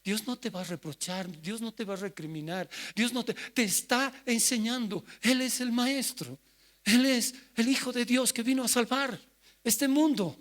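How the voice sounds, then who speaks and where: A man preaching a sermon as pastor, moving from quiet asides to loud cries as he acts out the people he quotes. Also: very high voice, normal speed. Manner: swings from soft asides to loud shouted quotes.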